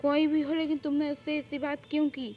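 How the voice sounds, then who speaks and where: A loud, protective young man scolds without letting up, as a young woman puts him on. Her high voice barks out short demands and stays bright above a dull, lo-fi sound. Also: fairly even intonation, brisk, a little hiss or hum, lightly acted. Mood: furious. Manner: shouting, scolding. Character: possessive angry young man. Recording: dull lo-fi recording.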